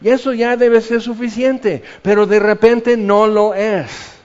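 Pastor guy preaching, lively, acts out little voices, kinda muffled lo-fi audio. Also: high-pitched, slow pace. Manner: animated, acts out quoted voices. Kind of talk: sermon.

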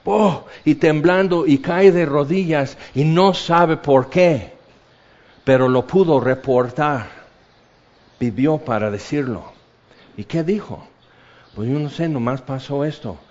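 A man with a Mexican accent preaching a sermon, swinging between loud exclamations and hushed asides. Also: fairly high pitch, slow. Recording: dull lo-fi recording.

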